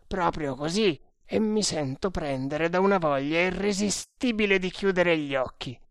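A woman's voice: on the low side, moderate pace, dry recording, studio quality, voice pushed up, lightly acted. A woman reading an adventure audiobook, voicing a drowsy male soldier who muses sleepily. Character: drowsy male sepoy soldier, plain-spoken.

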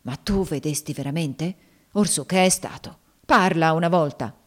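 A brutal male master blusters and curses, fear showing under the bluster, as a woman reader plays him. The lines come out loud and forceful. It is a dramatic audiobook reading. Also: deep voice, normal speed. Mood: blustering, uneasy. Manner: blustering, cursing.

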